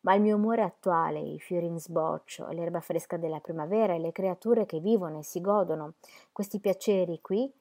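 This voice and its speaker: A woman reading historical letters aloud in a measured, expressive storytelling manner. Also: lowish voice. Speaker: reader.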